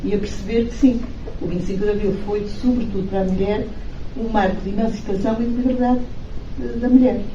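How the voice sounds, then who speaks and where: A woman in her sixties giving a thoughtful testimony, pausing with fillers as she reflects. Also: medium pitch, fairly even intonation, noisy background. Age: 60s. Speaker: interviewee. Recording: echoey, distant, dull room.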